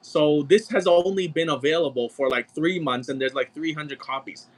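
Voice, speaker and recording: A man's voice: fairly high pitch, moderate pace. A man hosting a livestream, talking in a blunt, exasperated way and swearing often. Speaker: livestream seller. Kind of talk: casual livestream chat.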